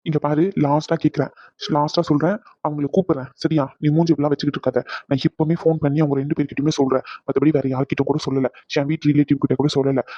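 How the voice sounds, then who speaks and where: A man's voice: a little high, flat delivery, very fast, mellow, no echo, close to an everyday voice. A man voicing an irritated young husband in a cartoon, exasperated and pleading by turns, on a dull lo-fi recording. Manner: exasperated, pleading then snapping.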